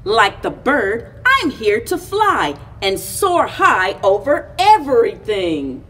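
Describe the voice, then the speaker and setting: Reading a picture book to children in front of an indoor library chalkboard wall, a middle-aged woman with a husky, fairly high voice speaks with very lively intonation. Her story-time delivery is deliberate and animated, with pauses between short lines. A distant camera microphone picks her up.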